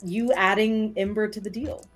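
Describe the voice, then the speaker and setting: A woman running a tabletop game as game master, describing the scene in an unhurried way. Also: medium pitch, fairly even intonation, fairly bright tone, faint music behind.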